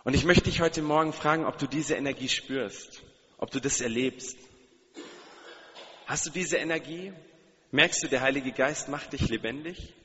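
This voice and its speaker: A man's voice: medium pitch, normal speed, bright, forceful tone. Earnest male preacher in reverberant hall. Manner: earnest, direct questions to listeners, repeated emphatic phrases. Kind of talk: sermon. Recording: long hall reverb, dull sound.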